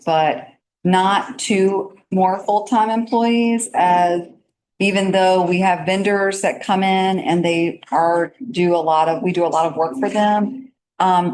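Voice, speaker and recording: Woman, town manager, low voice, hesitant council report. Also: a little mellow, a little hiss or hum. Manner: hesitant, many fillers.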